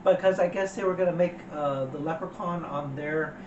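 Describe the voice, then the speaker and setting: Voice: mid-range voice, moderate pace. A co-host of a casual movie review podcast, chiming in with joking asides. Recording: dull, far-off roomy mic with hiss.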